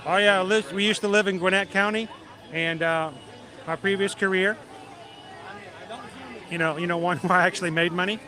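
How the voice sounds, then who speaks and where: A middle-aged man from South Georgia with a deep Southern accent, chatting casually and folksily as he hosts a livestream. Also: steady tone, moderate pace, pauses often, bright, forceful tone. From South Georgia, United States. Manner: chatty, folksy, greets viewers by name. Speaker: livestream host. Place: outdoors in a busy theme park.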